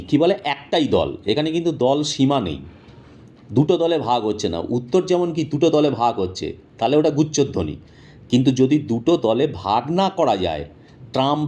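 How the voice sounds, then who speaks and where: Male tutor, patient exam-prep explainer, mellow tone, swooping pitch. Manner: explains patiently, addresses students directly, many fillers and pauses. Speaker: teacher. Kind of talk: informal exam-prep lesson.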